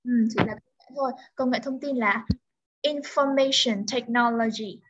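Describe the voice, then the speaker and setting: A woman tutoring a pupil one-on-one in English vocabulary, saying each word slowly and carefully for the pupil to repeat. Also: high voice, steady tone, highs cut off, noisy background. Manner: slow, careful word-by-word pronunciation modeling.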